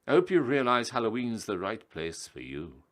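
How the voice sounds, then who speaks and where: A man playing a kindly, gently admonishing old Santa Claus in a storybook, with a measured, paternal manner. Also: medium pitch, sing-song, pitched above the performer's own voice, lightly acted. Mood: gently reproving.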